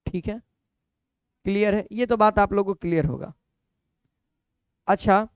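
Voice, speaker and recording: A man's voice: high-pitched, clean tone, no echo, studio quality. A man teaching an exam-prep lesson, repeating key points and putting questions to his students.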